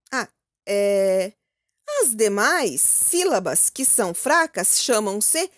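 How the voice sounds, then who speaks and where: A Brazilian woman teacher giving a recorded lesson to children, speaking slowly and clearly and checking in with questions. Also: high-pitched, fairly bright tone. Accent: Brazilian Portuguese. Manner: slow, clear, prompting with questions and "ok?".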